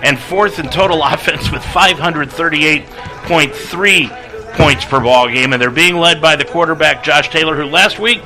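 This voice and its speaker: A man calling a college football pregame radio broadcast as play-by-play announcer, briskly reading scores, stats and lists of names. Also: on the high side, over music, poor audio.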